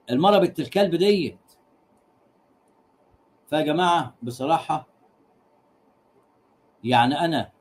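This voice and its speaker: A man with an Egyptian accent hosting a livestream, chatting casually and crudely, teasing his viewers, repeating his punchlines and laughing often. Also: fairly high pitch. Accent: Egyptian Arabic. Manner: laughs often while talking. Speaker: livestream host.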